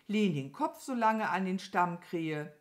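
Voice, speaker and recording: Kind thoughtful storybook cow, as a woman reads her, earnest, lively pitch, slow. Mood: reassuring. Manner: earnest, musing. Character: gentle curious cow, thoughtful.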